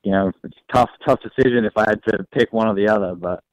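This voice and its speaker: A young man speaks quickly in a lowish voice, his accent a blend of Australian and American. He's a racing driver calling into a radio interview, relaxed and laughing a lot. The phone line sounds dry and dull, with no echo.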